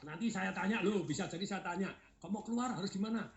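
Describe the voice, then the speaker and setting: A middle-aged man giving a lively motivational seminar talk, laughing often and urging the audience to shout along. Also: sits high, fast talker, creaky. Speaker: seminar speaker. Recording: roomy, dull lo-fi sound.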